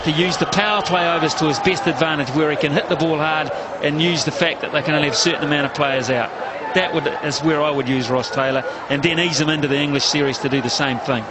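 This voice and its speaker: A man's voice: fairly high pitch, fairly even intonation, fast talker. A man working as a cricket commentator on live television, opinionated, emphatic and conversational. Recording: loud crowd noise behind broadcast voice. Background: loud stadium crowd.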